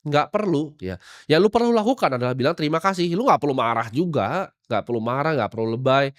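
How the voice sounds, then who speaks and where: A brash young man lectures his listeners in a blunt motivational monologue. His voice sits a little high and swings widely in pitch as he hammers his points home. The sound is dry and close, with no room around it. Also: animated, fast talker, no echo. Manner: brash, lecturing, mixes in English phrases. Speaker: motivational speaker.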